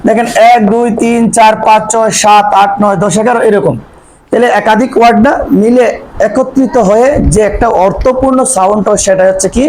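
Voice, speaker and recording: A man's voice: high-pitched, steady tone, brisk, darkish tone, low-quality recording. A man teaching a language class, asking the students questions and answering them himself, repeating key terms. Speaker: English teacher. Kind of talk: classroom lecture.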